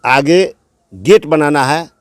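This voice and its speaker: A man's voice: on the high side, takes it slowly, no room sound, clean studio sound. A man running for village council, eagerly laying out his plans in an interview at a gathering. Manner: eager, assenting, lists plans. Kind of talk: interview answers.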